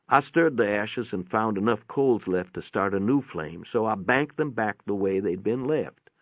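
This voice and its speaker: A man with a lowish voice narrates a first-person story in a folksy, plain, dramatic reading. There's no echo, and the band-limited sound resembles a phone or radio.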